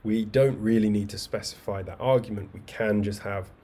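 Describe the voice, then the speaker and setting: A man teaching a live online coding class, explaining step by step in a relaxed, chatty way with asides and fillers. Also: lowish voice, normal speed, breathy edge. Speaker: coding bootcamp instructor. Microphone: webcam video call mic. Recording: faint background noise.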